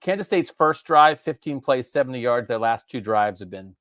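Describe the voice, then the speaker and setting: A man co-hosting a casual sports talk show, animated and jumping up in pitch to stress points. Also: normal speed, no echo, clean studio sound. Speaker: co-host.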